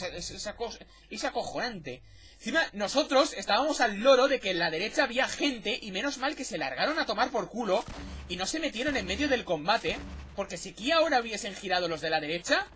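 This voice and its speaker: A man with a Spain Spanish accent commentating a game replay, chatty and excitable, swearing freely. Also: sits high, a little hiss or hum. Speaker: gameplay commentator. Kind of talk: replay commentary over gameplay.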